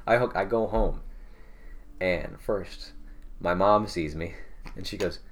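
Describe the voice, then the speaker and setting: A man's voice: low voice, takes it slowly. Young man telling stories with laughs. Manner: laughs often mid-story. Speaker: podcast co-host. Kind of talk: casual chat, storytelling. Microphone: shared podcast mic.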